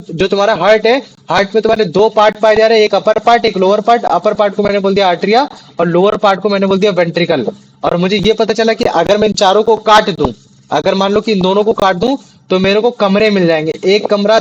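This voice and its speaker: High-voiced young male teacher quizzing a class. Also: highs cut off. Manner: repeats questions to check understanding. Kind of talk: classroom lesson. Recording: faint background noise.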